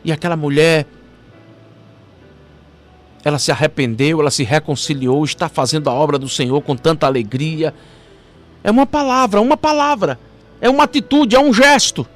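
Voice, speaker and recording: High-voiced man preaching a dramatic sermon. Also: faint music behind. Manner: dramatic preaching, rising to emphatic peaks and dropping to soft, slow phrases. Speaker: pastor.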